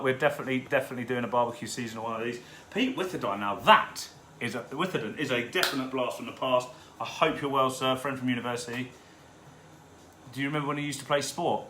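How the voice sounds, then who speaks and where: A home cooking host runs a live cook-along, talking casually with his viewers and swearing without restraint. He talks fast in a medium-pitched, sharp voice, recorded in a roomy kitchen with background noise.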